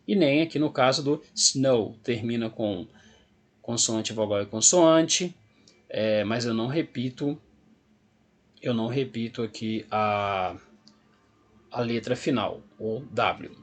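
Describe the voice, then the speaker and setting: Speaking slowly at medium pitch and pausing often, a man teaches English grammar in a video lesson. He has a Brazilian Portuguese accent and patiently goes step by step, repeating the rules.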